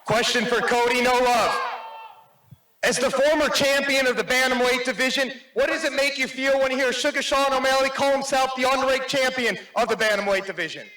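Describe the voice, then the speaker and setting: Very high, bright-voiced male reporter, echoey. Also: fairly even intonation, brisk, a little hiss or hum. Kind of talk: formal press questions. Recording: echoey press conference room.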